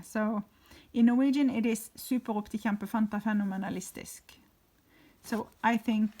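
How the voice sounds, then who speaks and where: A woman's voice: mid-range voice, vocal fry, a little mellow. A woman from Norway, chatty and rambling with plenty of fillers, giving a casual flip-through narration of her bullet journal indoors.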